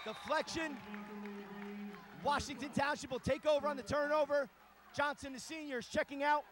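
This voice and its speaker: High-pitched man calling basketball play-by-play. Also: fairly even intonation. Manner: brisk clipped calls, rising to shouts. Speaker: play-by-play announcer. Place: high school gym. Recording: crowd noise and hiss behind.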